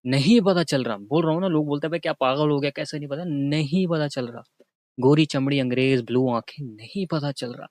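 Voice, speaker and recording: A man's voice: on the high side, brisk, a little mellow, no echo. A young man from Karachi, telling a story to camera in a casual, chatty way and often tagging his lines with a check-in filler. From Karachi, Pakistan. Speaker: vlogger.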